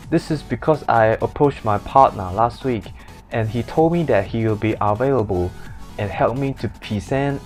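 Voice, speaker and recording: A man acting a Hong Kong speaker in a demonstration dialogue, with an exaggerated Cantonese accent and monotone delivery. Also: medium pitch, natural voice. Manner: monotone with put-on pronunciation. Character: flat-toned Hong Kong man in everyday conversation.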